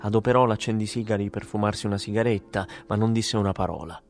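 A man narrating a story as an audiobook, in a calm, measured way. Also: on the low side, faint music behind.

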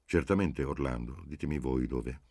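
A man's voice: a bass voice, normal speed, warm tone, breathy edge, dry recording, studio quality, heavily acted. A man voicing a polite, reserved young former student speaking on the phone in an audiobook.

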